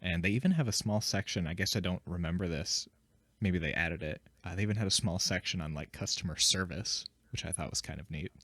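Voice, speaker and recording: This is a man with a deep voice talking casually on a podcast. His phrasing is informal and a little hesitant, as he works out what to say. The recording is dry and free of room sound. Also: fairly quick, a bit bright, no room sound. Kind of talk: casual chat.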